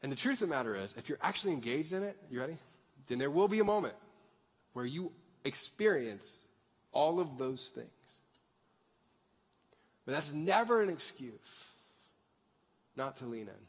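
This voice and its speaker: A pastor in his thirties, his voice pitched high and swinging widely in tone, preaches a conversational sermon to a church crowd and asks them to raise their hands. He moves at a moderate pace with frequent pauses, and the large sanctuary gives the recording a long hall reverb.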